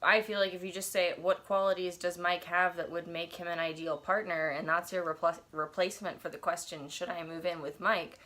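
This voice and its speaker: Pushed and bright, fairly low in pitch, and flat in delivery, her voice runs at normal speed with few pauses. The young woman, in her twenties and congested from allergies, is a tarot and oracle deck reviewer chatting casually as she unboxes an oracle deck in her cluttered bedroom, reading passages aloud and thinking aloud through wandering asides.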